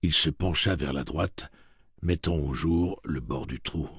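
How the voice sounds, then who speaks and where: Deep gravelly male narrator. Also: a little slow, dry recording, studio quality. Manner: steady, dramatic reading. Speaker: audiobook narrator. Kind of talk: scripted narration.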